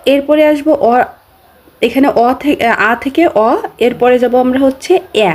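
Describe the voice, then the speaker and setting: A woman's voice: high-pitched, slow, darkish tone. A woman with a Bangladeshi Bengali accent teaching a grammar lesson, patiently repeating key terms with frequent hesitations.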